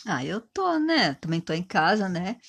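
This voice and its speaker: A woman's voice: on the low side, very animated, normal speed, creaky, a bit bright. A woman, chatting and exclaiming as a sympathetic friend in a comedic phone-call sketch.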